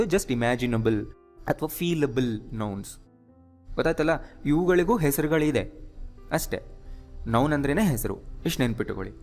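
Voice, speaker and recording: A man explains English grammar at a steady, patient pace, checking often that his students follow along. His voice sits at an ordinary middle pitch. Soft music plays quietly beneath the lesson. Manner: patient, asks the class quick check questions. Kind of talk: online lesson in Kannada mixed with English.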